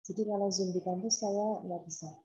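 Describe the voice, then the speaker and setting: A mellow, medium-pitched woman's voice, steady and fairly quick, belongs to an Indonesian university lecturer holding an online class on a laptop video call. She explains casually with examples and repetition while asking students questions. Recording quality is dull and lo-fi.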